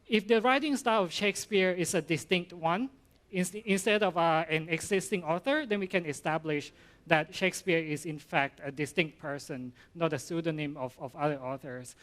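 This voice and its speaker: Speaking English with a Thai accent, this middle-aged professor delivers a casual conference talk that stumbles along with fillers and false starts. His voice sits high and sounds a bit bright.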